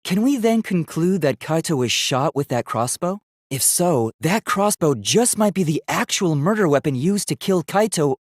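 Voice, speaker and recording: At a moderate pace, an earnest and logical young male robot student from an English video game reasons through each statement in a formal, precise way, his pitch shifting with lively variation. The recording is dry, with no room around it, and his mood is analytical and resolute.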